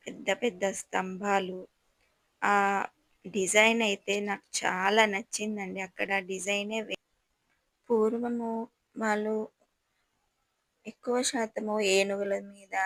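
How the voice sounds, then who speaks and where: Admiring woman vlogger, gravelly voice. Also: mid-range voice, a bit bright, no room sound, poor audio. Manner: chatty and admiring, addresses viewers directly. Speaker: travel vlogger touring a palace. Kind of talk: casual guided tour narration.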